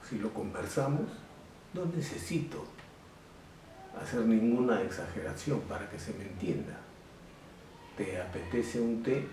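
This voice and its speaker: A man with a Peruvian Spanish accent teaching a recorded grammar lesson to secondary students, slowly and deliberately, repeating his example sentences. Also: lowish voice, mellow, recorded from a distance. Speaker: secondary school language teacher. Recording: very echoey room, voice off-mic, faint hiss.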